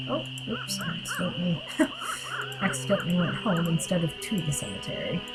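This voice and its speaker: A woman's voice: fairly low pitch, wildly swooping pitch, poor audio. A woman streamer chatting casually to her viewers while playing a game. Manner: chatty, unhurried, talks to viewers. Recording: loud game music behind. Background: game music.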